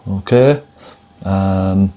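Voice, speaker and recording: A man giving a casual step-by-step painting demonstration as a gentle, encouraging instructor, thinking aloud in an unhurried way as he works. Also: sits low.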